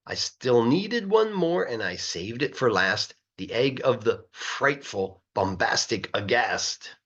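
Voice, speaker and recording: Taking his time, a male English teacher narrates a rhyming children's story with lots of animation at a medium pitch. Key words get stretched as his voice swings in a sing-song rhythm, all captured on a somewhat dull, lo-fi recording.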